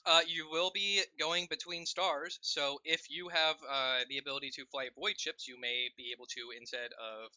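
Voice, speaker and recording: Man, game master, very bright voice, slightly high, dry close mic, patient rule explanations, hesitant fillers. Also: fairly even intonation, moderate pace, hardly any pauses, no echo, lo-fi sound. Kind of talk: explaining rules in a tabletop game session.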